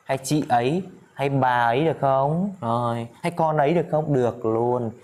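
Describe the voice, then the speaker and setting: A man with a mid-range voice leads a casual spoken lesson in a chatty teaching manner. He drills short phrases by repeating them slowly, and keeps addressing his listeners directly. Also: medium pitch, darkish tone. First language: Vietnamese. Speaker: English teacher.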